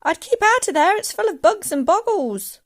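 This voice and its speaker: A woman voicing an excitable young boy in a storybook, calling out in urgent exclamations. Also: very high-pitched, unhurried, pitched above the performer's own voice, heavily acted. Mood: urgent warning. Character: excitable young boy alarmed by his grandmother.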